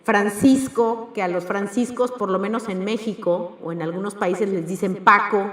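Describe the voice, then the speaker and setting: A woman podcast host asks an interview question in a hesitant way, building it up slowly. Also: mid-range voice, fairly even intonation. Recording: reverberant, distant-sounding room.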